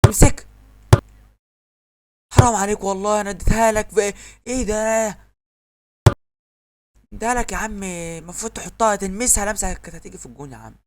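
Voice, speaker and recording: A man with an Egyptian accent giving excitable live commentary on his own football video game, yelling at the referee and his players. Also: high voice, fast, pauses often, slight background noise. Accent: Egyptian Arabic. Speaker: gamer.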